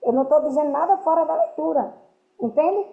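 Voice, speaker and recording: A woman offers earnest spiritual teaching to a group, frequently checking that her listeners follow her. Her high voice is animated, a little fast and touched with vocal fry, captured in a roomy, dull lo-fi recording.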